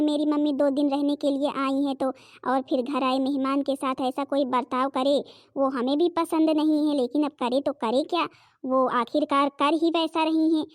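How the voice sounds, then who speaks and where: A woman's voice: high-pitched, no echo, clean studio sound, natural voice. A woman voicing a middle-aged mother-in-law in a cartoon, soothing and reasoning.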